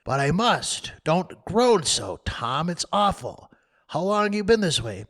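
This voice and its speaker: A storybook boy, jittery and anxious, his voice pitched high above an adult man's and rising as he begs, as a male narrator puts him on. He pleads and fusses with lively, fretful turns. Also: takes it slowly, full character voice. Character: boy Sid, anxious younger brother.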